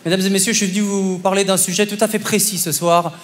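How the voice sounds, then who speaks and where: At a festival, a young stand-up comic speaks quickly in a high, flat voice, keeping things punchy and conversational and checking in with "ok?" often. Heavy background noise comes from the live audience's laughter and applause, captured on a stage mic with long hall reverb.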